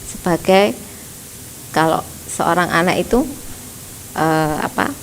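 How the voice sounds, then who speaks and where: A woman preaching a sermon at a prayer service, slow and gentle, tagging nearly every phrase with a soft "ya". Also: lowish voice, slight background noise, low-quality recording. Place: church.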